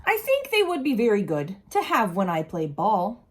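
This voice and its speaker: A woman reading a children's picture book aloud expressively, with casual asides and questions for young listeners. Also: mid-range voice. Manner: animated, deliberate, asks the listeners questions.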